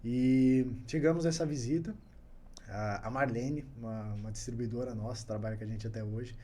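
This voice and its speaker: A man, a guest entrepreneur telling anecdotes on a casual podcast, animated and chuckling often. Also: mid-range voice, moderate pace.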